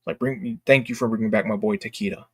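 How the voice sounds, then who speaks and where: The game livestreamer speaks fast, in a low-leaning, steady voice with a breathy edge, and there is no room sound. He chats casually and emphatically, full of strong opinions and slang such as "dude" and "bro."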